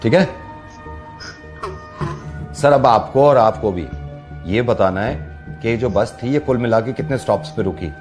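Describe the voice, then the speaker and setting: A man's voice: mid-range voice, a little slow, pauses often. Radio guy on a prank call, chatty and teasing, telling a silly story, faint music behind. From based in Delhi. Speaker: radio host making prank calls. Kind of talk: playful prank call banter. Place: radio studio.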